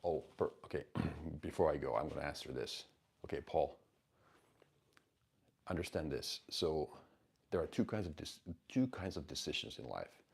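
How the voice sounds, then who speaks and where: A man's voice: very deep voice, lively intonation, normal speed, gravelly, breathy edge. A man, hosting a live stream and answering chat questions in a direct, emphatic, blunt coaching tone. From Finland.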